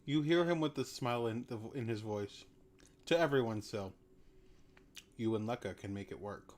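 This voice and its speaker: A man narrates a tabletop role-playing game as its game master. His delivery is dry and matter-of-fact, with an even middle pitch. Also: normal speed.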